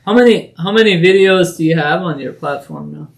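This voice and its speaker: A man's voice: on the high side, a little fast, creaky. A man hosting a podcast, chatting casually and conversationally with a guest. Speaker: podcast host.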